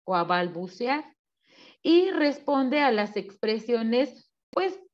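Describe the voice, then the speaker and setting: Slow-speaking woman lecturing. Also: on the high side, sing-song, dull audio. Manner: slow, explanatory, asks the audience questions and acts out baby and mother voices. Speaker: seminar speaker. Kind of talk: online lecture to an audience.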